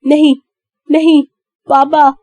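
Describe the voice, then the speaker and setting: A woman voicing a young woman screaming hysterically in grief, high and loud. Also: no echo. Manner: crying, screaming.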